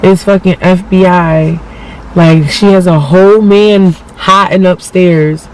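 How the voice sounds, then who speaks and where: A man casually telling personal stories in animated, profane, slangy talk, acting out what people said. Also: sits high, slow pace, rough recording. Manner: animated, profane, slangy, acts out quoted speech. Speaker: storyteller.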